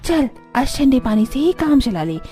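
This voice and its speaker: A woman's voice: high voice, very animated, moderate pace, mellow, faint music behind. A woman voicing a lazy, rude young nanny who grumbles and mutters under her breath. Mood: grumbling.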